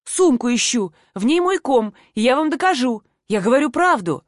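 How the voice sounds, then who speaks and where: A woman's voice: very animated, moderate pace, no echo, clean studio sound. Kira, a woman playing an indignant young woman. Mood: hurt insistence. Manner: indignant, tearful, shrill when upset. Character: young woman student, hurt and defiant.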